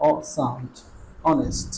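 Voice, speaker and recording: A man with a Bangladeshi accent teaching English pronunciation in an online lesson, drilling sounds slowly and switching between Bengali and English. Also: background noise.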